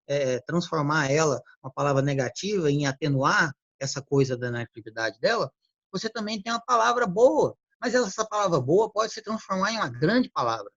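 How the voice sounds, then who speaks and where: A man giving a motivational talk on word choice, acting out quick everyday exchanges. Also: fairly high pitch, animated, a bit bright, dry recording. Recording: dull lo-fi recording.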